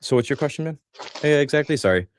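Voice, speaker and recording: A young adult man from Greece hosting a casual debate stream, talking fast and heated, cutting in over the other person. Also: fairly high pitch, lively intonation, slight background noise. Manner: quick, heated, interrupting.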